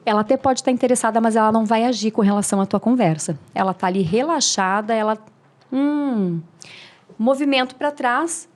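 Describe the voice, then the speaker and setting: Talking fairly quickly in a slightly high voice, a woman appears on a podcast as a speaking mentor. She explains her tips in a warm, teaching manner and demonstrates them.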